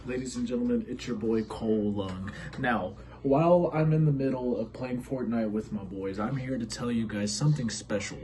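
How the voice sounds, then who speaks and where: A man's voice: medium pitch, normal speed, dark tone. A man giving a casual wrestling promo as a wrestler, showy and boastful. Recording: faint background noise.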